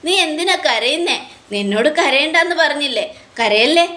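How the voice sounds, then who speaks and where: A woman voicing an unhinged young mother who is childish, greedy and quick to scold, in a whiny, accusing way. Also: high-pitched, animated, pushed and bright, pitched above the performer's own voice.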